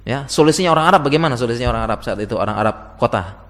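A man's voice: mid-range voice, expressive, very fast, a bit bright. A man giving a chatty lecture to teachers, asking his audience questions and laughing often. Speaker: teacher giving a talk to Islamic school teachers. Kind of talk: casual lecture. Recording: long hall reverb.

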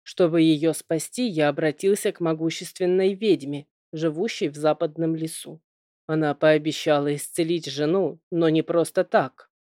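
A woman's voice: sits low, fairly even intonation, normal speed, dark tone, no echo, studio quality, natural voice. King: a woman voicing a tired, patient fairy-tale king. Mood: weary. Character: weary middle-aged male fairy-tale king. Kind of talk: audiobook reading.

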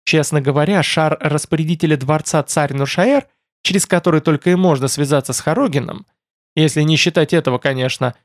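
A male reader voicing a bold, quick-witted young woman mage, in a slightly raised and lively voice. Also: fairly high pitch, no room sound, clean studio sound, natural voice. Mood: reasoning.

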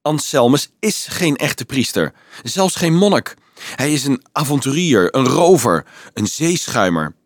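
An earnest teenage boy addressing a crowd of children, halting at first and then pressing and eager, as a man reads him aloud. His delivery rises and falls in a lively way. The storybook recording is dry and close. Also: medium pitch, no room sound, voice pushed up. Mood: urgent. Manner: hesitant, then urgent and explaining. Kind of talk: audiobook reading.

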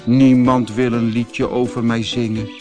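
A man's voice: mid-range voice, flat delivery, unhurried, over music, close to an everyday voice. A man voicing a lonely, sad male snail without a shell, in a plaintive, sighing storybook voice.

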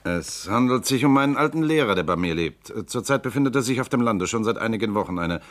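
A man with a voice on the low side talks quickly while acting the part of a composed lawyer-politician, a suspected robot, in a 1960s-70s radio drama. The delivery stays cool, calm, precise and politely suave.

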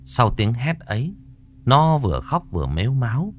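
A man tells a ghost story in a dramatic way. His pitch moves a great deal, rising and falling with the tension. His voice sits in an ordinary middle range. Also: moderate pace. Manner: lively, dramatic telling.

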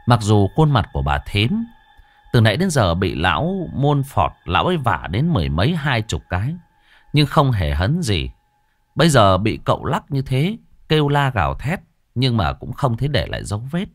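A man's voice: medium pitch, wildly swooping pitch, moderate pace, no echo. A man narrating a ghost story in a dramatic, vivid manner.

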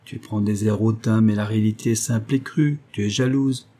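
Vain taunting man, sarcastic, a reader giving him a dark husky low voice. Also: steady tone, a little fast, close to an everyday voice. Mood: mocking. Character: vain, sarcastic young man, mocking his lover.

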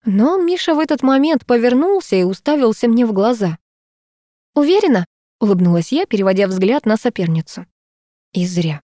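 A woman narrating a first-person audiobook in a lively, expressive way. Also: on the high side, fairly quick, no room sound, clean studio sound.

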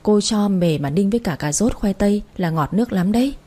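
A woman's voice: mid-range voice, lively intonation, brisk, warm tone, close to an everyday voice. A woman voicing a bossy but kind middle-aged woman butcher in an audiobook story, blunt and affectionate. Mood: brisk.

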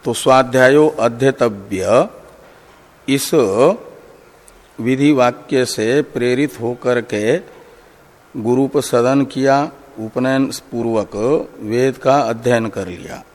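Male Vedanta teacher, slow and deliberate explanation, long hall reverb. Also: mid-range voice. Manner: slow, deliberate, recites Sanskrit then explains. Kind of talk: scriptural commentary lecture.

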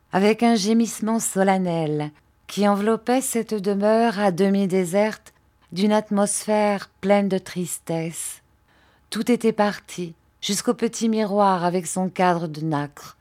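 A woman reading a classic novel aloud as an audiobook narrator. Her delivery is calm, measured and distinctly slow, with steady mid-range pitch. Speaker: audiobook reader.

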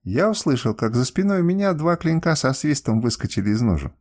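A man narrating an audiobook in the first person with a measured, expressive reading. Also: mid-range voice.

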